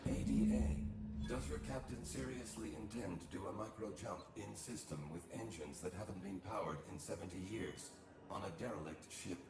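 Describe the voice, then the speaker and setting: A man's voice: on the low side, normal speed, roomy sound, distant mic, loud music behind the voice, close to an everyday voice. A man playing a stern, rule-bound ship computer in a video game, speaking in a stiff, formal, disapproving way. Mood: stern warning. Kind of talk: scripted video game acting.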